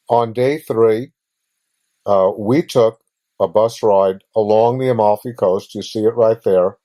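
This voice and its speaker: Male travel host, low and warm, halting with lots of "uh"s, easygoing explainer. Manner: halting, with frequent fillers and restarts; explains and recommends patiently. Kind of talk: casual travel talk over slides.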